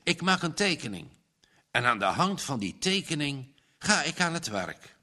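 A man's voice: fairly high pitch, very animated, normal speed, pushed and bright, heavily acted. A man voicing an eager, earnest young son who speaks respectfully to his father.

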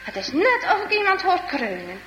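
A woman voicing a gentle, kind-hearted sick little girl in a storybook reading, in an echoey hall with faint noise. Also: very high-pitched, big pitch swings, moderate pace, pitched above the performer's own voice, exaggerated voice. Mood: pleading. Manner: pleading, earnest.

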